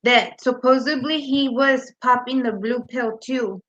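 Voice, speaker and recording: Brief: woman on a low-sample-rate, muffled call line. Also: measured pace, a bit bright. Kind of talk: casual panel discussion.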